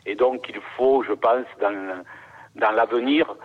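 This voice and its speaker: A middle-aged man, a winemaker guest on a radio show, speaking calmly with many pauses and fillers. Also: medium pitch, narrow, tinny audio. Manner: calm, measured, many fillers. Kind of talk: radio interview.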